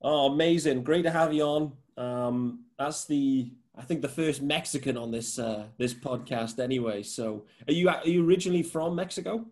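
A man's voice: mid-range voice, normal speed, few pauses, darkish tone. A man from the UK hosting a casual podcast chat, upbeat and enthusiastic as he asks his guests questions. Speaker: podcast host.

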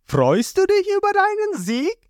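A man's voice: very high-pitched, wildly swooping pitch, normal speed, no room sound, clean studio sound, voice pushed up, exaggerated voice. A man voicing a smug, scheming male villain who drawls his words.

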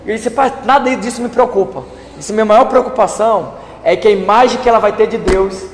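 A man's voice: sits high, brisk, reverberant, big-room sound, a little hiss or hum. A man preaching a sermon as pastor, repeating key phrases and acting out quoted voices. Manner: preaching with repetition and acted-out quotes.

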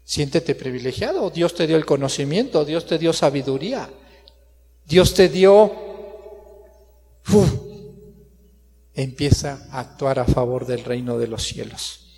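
A man's voice: on the high side, darkish tone, in a large hall. A Mexican man preaching a Sunday sermon, joking and asking the congregation questions. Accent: Mexican Spanish. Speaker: pastor. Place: church.

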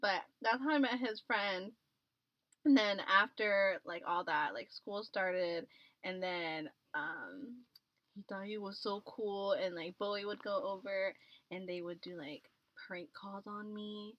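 A woman's voice: mid-range voice, unhurried, dry recording. An American woman in her twenties telling personal stories as a casual podcast guest, giggly, slangy and self-deprecating, sounding muffled in a closet. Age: 20s. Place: small closet, seated on floor pillows. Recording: muffled, dull closet recording.

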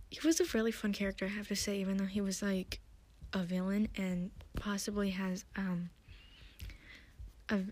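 Chatty young woman, whispered ASMR recap. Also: mid-range voice. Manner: chatty, often whispering, many fillers. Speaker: TV episode recapper.

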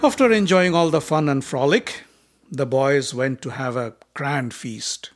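A man narrating an old epic as a storybook tale with expressive delivery. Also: mid-range voice, a little slow, faint music behind.

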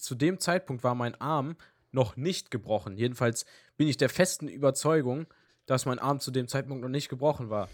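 A young man co-hosting a podcast, telling anecdotes in a lively, slangy way. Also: medium pitch, dry recording, studio quality. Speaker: podcast co-host. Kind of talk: casual chat.

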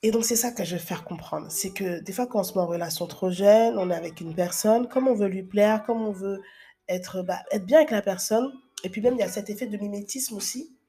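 A woman's voice: mid-range voice, brisk, dark tone, soft background music. A woman in her thirties giving casual, chatty advice to young viewers, with frequent fillers and restarts. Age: 30s. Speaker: advice vlogger.

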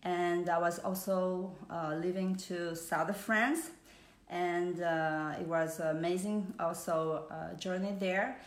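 Softly low woman with roomy echo. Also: fairly even intonation, takes it slowly. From Switzerland. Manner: hesitant, many fillers, warm greetings. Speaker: business speaker. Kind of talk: live online presentation.

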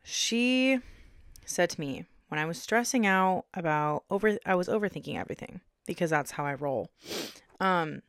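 A young woman hosting her own podcast in casual chat, dramatic and quick to take back what she just said, swinging between soft and loud. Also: fairly low pitch, no echo, clean studio sound. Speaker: podcast host. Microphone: home podcast mic.

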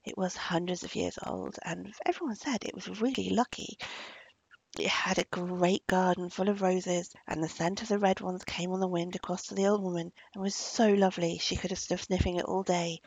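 Storyteller, woman, gravelly and husky, gentle storybook narration with whispered asides, dry close sound. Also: lowish voice, steady tone, moderate pace, no echo, rough recording. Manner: gentle, drops into soft whispers.

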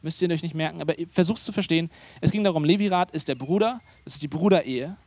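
High-voiced, animated man preaching. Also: fast talker, husky, dry recording. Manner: conversational, asks the congregation questions; animated, emphatic delivery. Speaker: pastor. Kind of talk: sermon.

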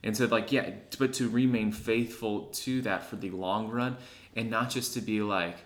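Guy cohosting a podcast, low voice, earnest and reflective. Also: steady tone, normal speed. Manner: earnest, reflective, often checks in with "right?". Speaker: podcast co-host. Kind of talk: casual podcast chat.

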